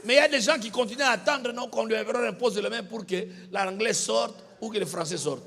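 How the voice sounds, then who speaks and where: A man preaching a sermon in a church hall, animated, with bursts of shouting and laughter. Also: high-pitched, a little fast, gravelly. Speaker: pastor.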